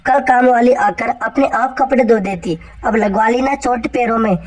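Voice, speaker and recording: A woman's voice: on the high side, moderate pace, far from the mic, close to an everyday voice, poor audio. A woman voicing a kind, reassuring middle-aged mother-in-law in a cartoon story. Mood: caring. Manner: warm, reassuring.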